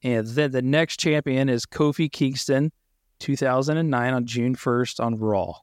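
Male co-host, mid-pitched, dry close mic, eager and chatty. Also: unhurried, no echo. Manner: enthusiastic, reads out title history. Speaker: podcast co-host. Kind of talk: casual podcast chat.

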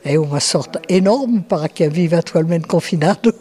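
A woman in her nineties answering interview questions slowly and thoughtfully, with pauses and restarts. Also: lowish voice, expressive, dark tone, breathy edge. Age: 90s. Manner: slow, thoughtful, with hesitations and restarts.

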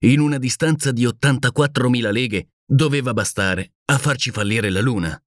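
A man voicing a grave, methodical male leader in an audiobook, speaking in a slow, serious, convinced way. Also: medium pitch, no echo, studio quality, natural voice.

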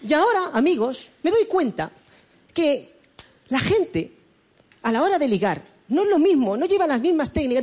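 A man's voice: very high voice, darkish tone. A middle-aged man with a Spanish accent from Spain, performing a stand-up comedy set in a mocking, exaggerated way and slipping into voiced impressions. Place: comedy club stage with a live audience. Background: audience laughter.

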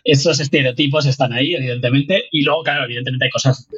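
A man's voice: medium pitch, fairly even intonation, fast talker, a bit bright, slightly rough, dull audio. A man from Spain with a Spanish accent, a guest chatting animatedly in an interview, laughing often and restarting his sentences. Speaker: guest researcher. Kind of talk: casual interview chat.

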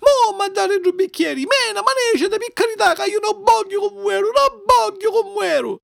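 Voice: mid-range voice, big pitch swings, brisk, no echo, clean studio sound, voice pushed up. A reader voicing a stubborn, whining wooden puppet boy in a dialect, from sulky protests to wailing pleas. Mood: terrified. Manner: wailing, pleading, petulant.

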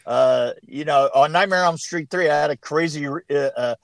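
Man, high voice, rambling anecdotes, stop-start phrasing, laughing often, dry close sound. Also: moderate pace, vocal fry, no room sound. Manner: rambling storyteller, frequent restarts and laughter. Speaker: production designer guest. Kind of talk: casual interview chat.

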